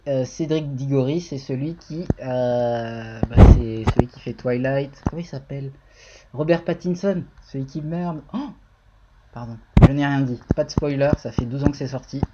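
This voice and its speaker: Casting: male live-coding streamer, mellow husky voice, thinks aloud, chatty with his chat, dull lo-fi stream audio. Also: medium pitch. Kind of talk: casual live-coding tutorial.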